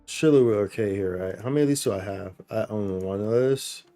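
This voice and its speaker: With game music faintly audible, a male livestreamer narrates his play in a loose, slangy, repetitive way as he thinks out loud. His voice is lowish, mellow, and brisk.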